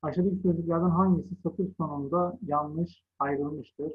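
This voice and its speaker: A man's voice: on the high side, steady tone, normal speed, breathy edge, narrow, tinny audio. A middle-aged man teaching a second-grade spelling lesson, patiently contrasting wrong and right word forms. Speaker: primary school teacher.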